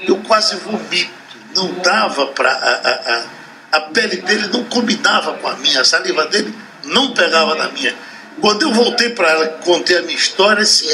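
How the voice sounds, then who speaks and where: A man's voice: fairly high pitch, noisy background. A man hosting a radio talk show, reading listener messages and telling stories in a conversational way. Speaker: radio host and debate moderator. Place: radio studio.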